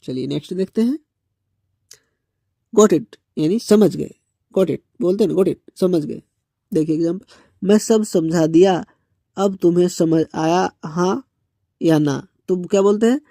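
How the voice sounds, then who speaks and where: A woman gives a patient English lesson, asking and answering her own questions. Her voice sits low and mellow, and she says every English line slowly. The sound is dry and close. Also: dry recording. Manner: drawls the English sentences slowly. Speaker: English teacher. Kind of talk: spoken English lesson in Hindi.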